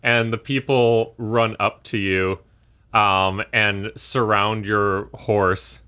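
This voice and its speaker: A man narrating a tabletop game as game master, relaxed and hesitant with many fillers. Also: on the low side, slow, slight background noise.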